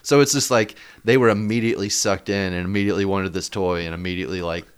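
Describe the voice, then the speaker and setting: Man, smooth resonant voice, lowish pitch, animated casual chat, lots of fillers. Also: fast. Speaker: podcast co-host.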